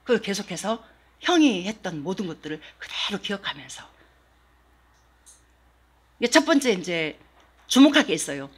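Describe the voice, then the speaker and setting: A woman pastor preaching a story-driven sermon, dropping to a hushed near-whisper and then rising to emphatic exhortation. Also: mid-range voice, big pitch swings, normal speed, pauses often, slightly rough.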